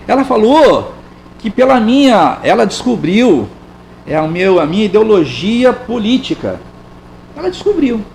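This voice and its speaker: A man's voice: extremely high pitch, gravelly, darkish tone, a little hiss or hum, low-quality recording. A man with a Brazilian accent giving a public talk at a spiritist center, conversational and full of rhetorical questions. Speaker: spiritist lecturer.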